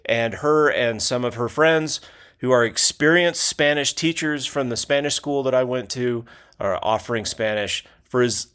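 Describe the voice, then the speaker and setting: A man's voice: mid-range voice, fairly bright tone. A man hosting a casual language lesson video, talking loosely with lots of fillers, restarts and joking asides.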